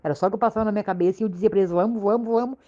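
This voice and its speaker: A woman with a Southern Brazilian accent from Rio Grande do Sul, telling a frightening personal story in a halting, repetitive way, often checking in with her listener. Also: mid-range voice, fairly even intonation, dark tone. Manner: halting, repetitive, keeps asking "sabe?". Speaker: storyteller recounting a frightening experience. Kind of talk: casual spoken personal account. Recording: dull lo-fi recording.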